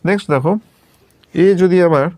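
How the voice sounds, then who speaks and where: A man's voice: fairly high pitch, moderate pace, a little mellow, dry recording. A man teaching English pronunciation, patiently spelling out each sound step by step and checking that his students follow. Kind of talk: slow step-by-step lesson at a writing board.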